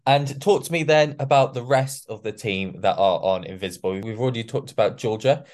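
A man's voice: mid-range voice, a little fast, darkish tone. A male podcast host asking questions in a casual, encouraging way, often affirming with short yeahs. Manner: encouraging, frequent "yeah" affirmations. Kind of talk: casual interview. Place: podcast studio.

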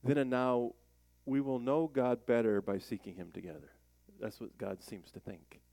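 A man pastor giving a conversational sermon, plain-spoken and animated, asking the congregation questions as he reads scripture. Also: medium pitch, normal speed, vocal fry, no room sound.

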